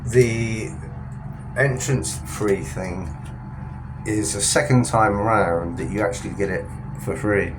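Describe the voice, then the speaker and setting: Poor audio with music in the background captures a slow-speaking man on the low side narrating a travel vlog. He's from England, sniffly and congested, filming from a Ferris wheel cabin at night while rambling and self-correcting.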